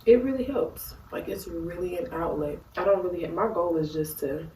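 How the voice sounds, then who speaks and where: A woman's voice: fairly low pitch, expressive, normal speed, dark tone. A tipsy woman chatting casually as a YouTuber answering questions, rambling in a goofy, giggly way. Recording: roomy echo, distant mic, faint noise.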